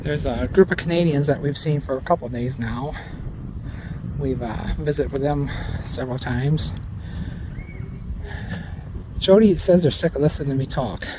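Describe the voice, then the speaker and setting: A man's voice: medium pitch, moderate pace, long pauses. A man casually narrating a bike tour outdoors, chatty and rambling. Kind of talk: casual on-the-go commentary. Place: outdoors on a windy riverside bike route. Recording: loud wind and outdoor noise.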